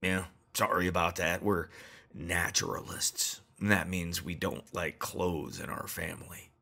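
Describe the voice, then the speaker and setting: A man doing a deep, rumbly swamp ape. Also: fairly even intonation, unhurried, creaky, bright, forceful tone, heavily acted. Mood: laid-back.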